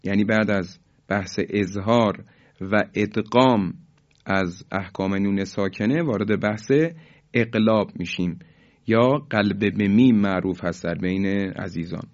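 A man teaching Quran recitation rules to listeners, explaining patiently and slowly drawing out the example words as he recites them. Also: fairly low pitch, steady tone, highs cut off. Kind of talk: tajweed lesson for listeners.

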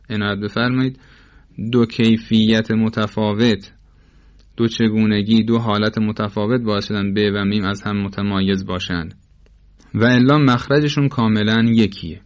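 Low-voiced man teaching in a patient, methodical way. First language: Persian. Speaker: Quran recitation teacher. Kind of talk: explanatory lesson. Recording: dull lo-fi recording.

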